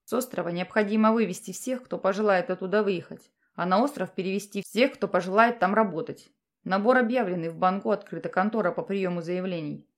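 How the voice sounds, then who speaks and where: A woman reading aloud puts on a proud male commander from a romantic fantasy audiobook. His voice sits low and quiet, gentle in affection and firm and curt when he commands. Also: a little fast, close to an everyday voice. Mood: stern. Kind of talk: audiobook character voice.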